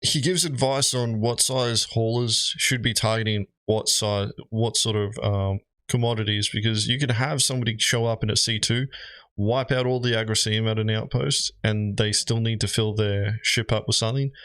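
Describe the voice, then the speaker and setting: A man's voice: on the low side, steady tone, normal speed, a bit bright, no room sound. A man giving casual, rambling commentary as he reacts to gaming videos, with lots of fillers. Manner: rambling, frequent "you know" fillers.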